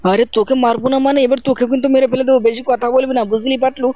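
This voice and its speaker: A gaming channel host narrating gameplay and scolding characters in a loud, theatrical role-play. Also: sits high, flat delivery, racing, no room sound. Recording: dry, dull lo-fi mic.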